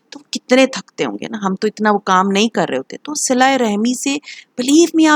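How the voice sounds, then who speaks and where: A woman's voice: fairly high pitch, dry recording, clean studio sound. A middle-aged woman from Pakistan with a Pakistani Urdu accent, talking in a casual advice vlog, earnest and encouraging, dropping English phrases into her Urdu. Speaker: lifestyle vlogger. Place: home.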